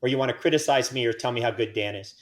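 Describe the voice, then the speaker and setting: A man's voice: mid-range voice, racing. A man hosting a casual podcast, joking and teasing himself as he reads out giveaway winners and details. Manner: joking, self-mocking banter. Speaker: podcast host.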